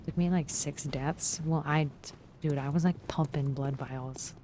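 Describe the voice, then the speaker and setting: Woman gamer streamer: low, mellow voice, casual profane play-by-play with excited yelps. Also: measured pace, a little hiss or hum. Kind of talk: casual live gameplay commentary.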